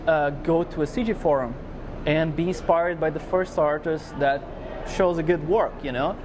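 A Brazilian man in his forties, a guest artist with a Brazilian Portuguese accent, answers interview questions casually in a big glass-walled hall. His voice is fairly high and he rambles, full of fillers like "you know, it's like." He wears a lapel mic, and the background is noisy.

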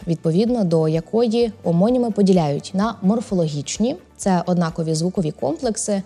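A woman with a mellow, mid-pitched voice presents a language lesson, reading her scripted explanations in a clear, measured way. Faint music plays softly behind her. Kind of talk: scripted educational narration.

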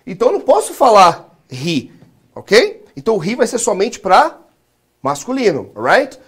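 A man's voice: high-pitched, huge pitch swings, moderate pace, husky. A Brazilian man teaching English in a live class, leading call-and-repeat drills and joking with his students. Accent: Brazilian Portuguese.

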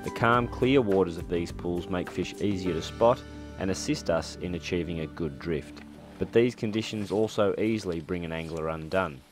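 A man reading scripted documentary narration in a calm, measured, explanatory way. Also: low-pitched. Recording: voice-over with loud background music.

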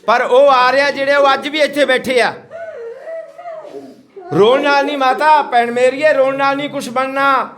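A man from Haryana speaks out as an activist in a very high, bright, sharp voice. He scolds and repeats himself in an indignant outdoor speech to villagers. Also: steady tone, normal speed. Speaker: social activist.

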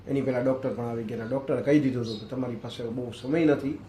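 An impassioned male storyteller delivers a moral tale, pushing key words out loudly and with feeling. His voice sits at an ordinary pitch. The recording has a noticeable roomy echo. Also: fairly even intonation, quick pace, slight background noise. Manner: impassioned, rising to loud emphatic stresses. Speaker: motivational storyteller.

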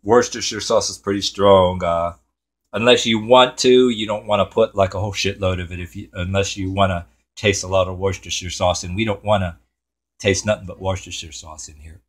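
A man's voice: deep voice, steady tone, a little fast. A man hosting a home cooking show in his kitchen, rambling and swearing casually to himself as he works.

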